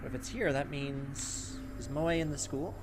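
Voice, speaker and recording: This let's-play host has a slightly high voice and a steady tone, speaking at a moderate pace against a noisy background. He reads the game's story text aloud with drama and interrupts himself with playful asides.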